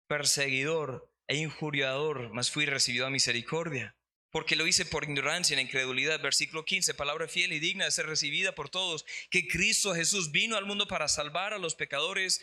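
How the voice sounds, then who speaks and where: A man preaches a sermon from the pulpit as pastor, reading scripture passages aloud. His voice is very bright and sits a little high for a man. He slows down to stress the key lines. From Colombia.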